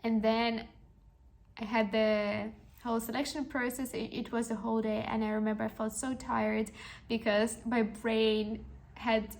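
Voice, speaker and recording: A podcast host in her twenties tells a reflective personal story in a high-leaning, fairly flat voice with vocal fry, speaking a little slowly. She's earnest and encouraging, often restarting her sentences.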